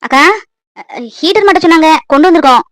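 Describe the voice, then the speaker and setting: A woman voicing a brisk, polite delivery worker in a cartoon. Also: very high-pitched, no room sound.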